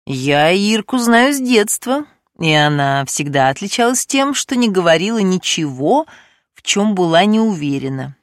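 A woman voicing a young man speaking slowly and measuredly in an audiobook. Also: on the low side, sing-song, no room sound, clean studio sound. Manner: slow, measured.

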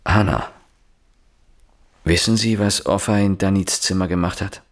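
In a naturalistic radio drama, an actor plays a police inspector who questions insistently and deliberately. His male voice is deep and steady, and the mood is stern and probing.

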